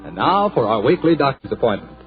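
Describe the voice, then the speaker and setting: A man announcing a 1940s radio show and reading a wine ad with a hearty salesman's pitch. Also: very animated, a little fast, music in the background. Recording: tinny 1940s radio transcription.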